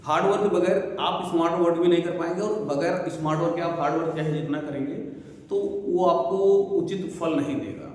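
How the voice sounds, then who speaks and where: A man's voice: on the high side, fairly even intonation, brisk. A male teacher giving fatherly exam advice to students, recorded in an echoey room. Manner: fatherly, addresses students as beta. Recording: echoey room with faint hiss.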